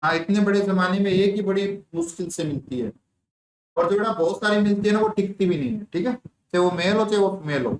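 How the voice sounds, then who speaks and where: Brisk and high-voiced, a man runs an online nursing exam class, storytelling and firing repeated questions at his students. The sound is echoey, with faint room ambience.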